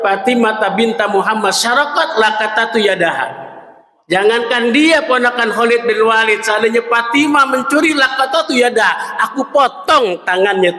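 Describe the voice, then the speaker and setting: A man's voice: high-pitched, bright, forceful tone. A man preaching a morning sermon, asking the congregation questions and slipping in jokes. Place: mosque. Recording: echoey mosque hall.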